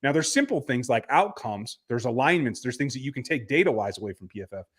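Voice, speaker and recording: A man's voice: mid-range voice, lively intonation, fast talker, a bit bright, husky. A man hosting a casual sports podcast over a remote call, reading listener texts and answering bluntly with frequent fillers and restarts.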